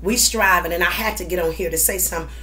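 A woman's voice: fairly low pitch, quick pace, bright, forceful tone, slight background noise. A middle-aged woman giving testimonial vlog talk in a preacher-like, emphatic way, repeating short phrases. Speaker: mukbang vlogger. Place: small indoor room at home.

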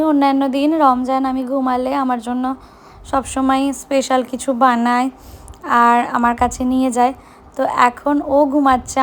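A chatty young woman talks straight to her viewers in a relaxed home vlog, her voice sitting a touch high. A faint hiss of background noise runs under her phone-camera recording. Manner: chatty, addresses viewers directly. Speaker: vlogger. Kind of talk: casual vlog narration. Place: home kitchen and outings.

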